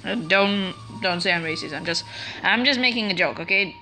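A woman's voice: medium pitch, moderate pace, sharp tone. A woman giving casual, rambling commentary over a video game let's play, often correcting herself as she talks. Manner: chatty, rambling, self-correcting.

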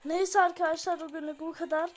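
A woman hosting her gaming channel, giving excitable running commentary on her own play and blurting exclamations and slang as she goes. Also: very high-pitched, fairly quick, slight background noise. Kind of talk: live gameplay commentary.

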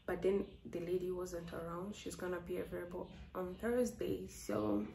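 Talking animatedly at a moderate pace, this young woman from Rwanda chats to her phone camera as a vlogger, her Rwandan-accented voice low-ish and gravelly. She's in small indoor rooms, and the audio picks up a roomy echo plus a little background noise.

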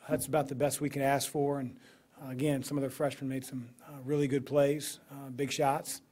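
A man in his forties, a basketball head coach, answering press questions after a game in a measured way, with many fillers and restarts, into a podium microphone. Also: medium pitch, flat delivery, a little mellow. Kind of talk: postgame press conference answers. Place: press room in front of a sponsor backdrop.

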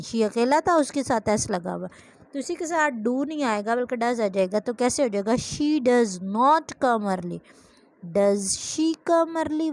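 A woman teaching a grammar lesson, explaining step by step and slowly dictating example sentences. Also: a little high, darkish tone, dry recording.

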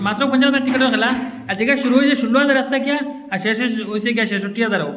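A man with a Sylheti-influenced southern Assam Bengali accent makes an informal sales pitch from off camera. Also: very fast, fairly bright tone. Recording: echoey room, off camera, faint noise, clicks.

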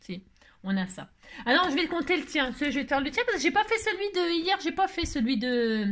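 Woman, slightly high voice, playful, rambling, teasing, chatty vlog host. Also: big pitch swings, a little fast, fairly bright tone. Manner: playful, teasing, rambling with many fillers and self-answers. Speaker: scrapbooking channel host. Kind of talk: chatty mail-opening vlog.

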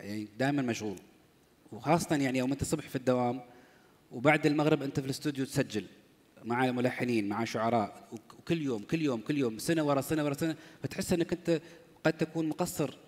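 A man with a Gulf Arabic accent, a panel guest telling a personal story with frequent restarts. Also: mid-range voice. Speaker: panel guest, religious singer. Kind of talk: personal anecdote in panel talk. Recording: long hall reverb.

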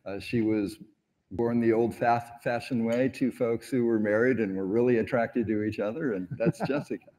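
On a large event stage indoors, a middle-aged award honoree shares stories during an interview, wearing a lapel mic. His voice is medium-pitched and darkish at normal speed, and he comes across as earnest and reflective, hesitating frequently.

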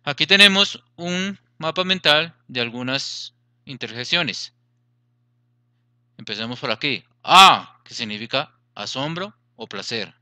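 A man's voice: a little high, pushed and bright, clear, resonant tone, no echo, studio quality. A man teaching a grammar lesson, explaining patiently, repeating points and checking that students follow.

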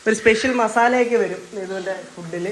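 Fast-talking rambling man vlogging at home. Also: high voice, background noise. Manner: rambling and talkative, mixes in English words. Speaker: family vlogger filming his partner cooking. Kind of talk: casual chatty home vlog. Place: home kitchen.

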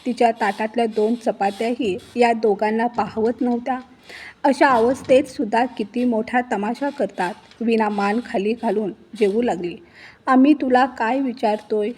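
A woman narrating a written story with a steady, expressive reading. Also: on the high side, normal speed, slightly rough.

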